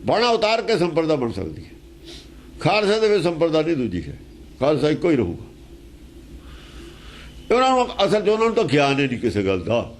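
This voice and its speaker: A man's voice: on the high side, huge pitch swings, fairly quick, pauses often. A man teaching scripture in an emphatic, argumentative way, asking pointed rhetorical questions. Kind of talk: explaining scripture verse by verse.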